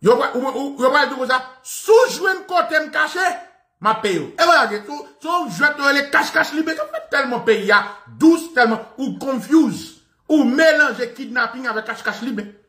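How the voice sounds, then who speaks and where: A man delivers satirical commentary in a high, sharp voice that leaps all over the place. He mocks as he goes, laughing and mimicking bangs and gunfire. The sound bounces around an echoey room. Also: lively intonation, normal speed. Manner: mocking, laughs while talking, imitates bangs and gunshots. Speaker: online commentator.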